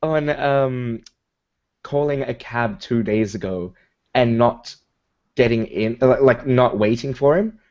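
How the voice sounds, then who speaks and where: A man's voice: mid-range voice, a little slow, a little mellow. A man chatting casually as a podcast co-host on a video call, hesitant, with many ums and restarts, and he laughs often. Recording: dull lo-fi video call audio.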